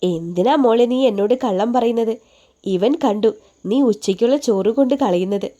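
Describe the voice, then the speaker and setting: A woman's voice: mid-range voice, normal speed, warm tone, highs cut off, close to an everyday voice. A woman voicing a caring older woman doctor who fusses over a younger woman like a mother, in an affectionate, coaxing way. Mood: fond, coaxing.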